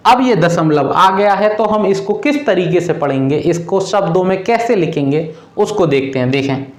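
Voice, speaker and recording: A man's voice: high voice, animated, moderate pace, echoey room. A male teacher who explains a math lesson to children patiently, repeating each step and calling the students "beta".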